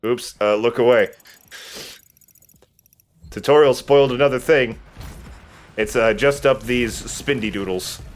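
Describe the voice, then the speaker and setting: Talking through his gameplay in offhand asides, this let's player has a mid-range voice, a measured pace and long pauses. Video game music plays in the background.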